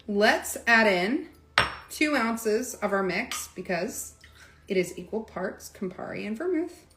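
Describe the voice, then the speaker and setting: A woman's voice: mid-range voice, a bit bright. Chatty woman demoing cocktails, echoey room. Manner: chatty, talks straight to viewers with many asides. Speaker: cocktail demo host. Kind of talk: casual live cocktail demonstration. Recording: echoey room with faint clatter.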